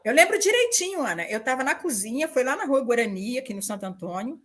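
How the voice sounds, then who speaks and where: Woman, 60s, warm-hearted storyteller in casual talk; pitch slightly high. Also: fast talker. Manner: animated storytelling, laughing often. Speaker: mother, systemic counselor. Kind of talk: casual conversation.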